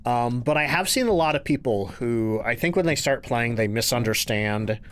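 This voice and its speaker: A man's voice: medium pitch, expressive, moderate pace, a bit bright, slight background noise. A man streaming a horror game, chatting casually with viewers and musing to himself as he plays.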